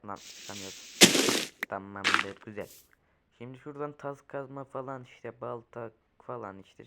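A young man giving casual, chatty gameplay commentary, talking to viewers as he plays. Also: lowish voice. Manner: chatty, talks to viewers while playing, panics at danger. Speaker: gaming YouTuber. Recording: loud background noise.

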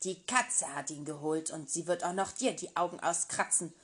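A woman's voice: deep voice, normal speed, fairly bright tone, pitched below the performer's own voice. A woman voicing an angry, scornful old sorceress in a children's fairy tale, scolding and mocking harshly.

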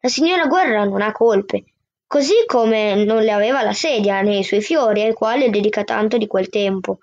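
A woman's voice: mid-range voice, moderate pace, no echo. Woman reading a novel aloud. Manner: steady first-person narration. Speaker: book reader. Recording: dull, dry lo-fi sound.

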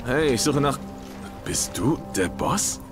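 A man's voice: medium pitch, lively intonation, slow pace, over music. An actor playing a wary, defensive male survivor in a video game, speaking plainly. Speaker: game protagonist.

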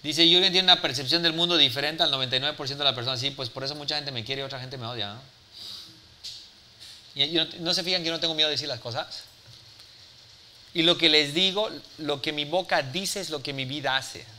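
Blunt, forceful man in his forties. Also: a little high, a little fast, slight background noise. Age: 40s. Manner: blunt, forceful, swears freely, peppers with "¿sí?". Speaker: business speaker and mentor. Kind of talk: live mentoring talk to an audience.

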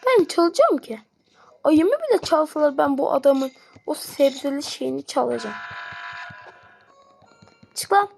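A woman giving excitable live gameplay commentary, pleading and yelling at the game. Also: sits high, measured pace, creaky, long pauses, soft background music. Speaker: gamer.

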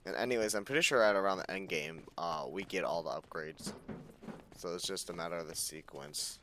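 A man's voice: deep voice, fairly quick, sharp tone. A man casually commenting on his gameplay and singing along. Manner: chatty, sings along. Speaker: gameplay host.

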